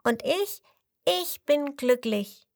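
A small, cheerful young crocodile, put on by a woman reading aloud, speaking high and bright with a gentle, giggly lilt. The voice swoops lively up and down, unhurried as in a storybook. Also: vocal fry, no room sound, clean studio sound, full character voice.

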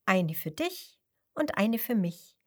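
A kind old grandmother fox from a bedtime storybook talks softly and gently, as a woman puts her on. She speaks slowly, her voice close to a hush. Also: medium pitch, very animated. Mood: gentle.

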